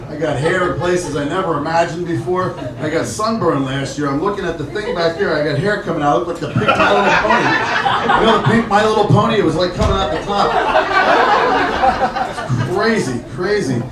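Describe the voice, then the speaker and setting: A man's voice: a little high, a little fast, heavy background noise. A middle-aged man from the Shore, doing a brash, profane stand-up set and working the crowd. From Jersey Shore, USA. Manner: brash, profane, chatty with the audience. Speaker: stand-up comedian. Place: comedy club stage. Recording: roomy live club audio from a distant mic. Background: laughing crowd.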